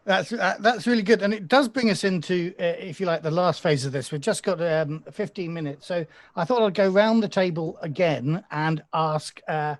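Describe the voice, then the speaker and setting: A man's voice: sits high, moderate pace, no echo. Man moderating a panel, dry sound.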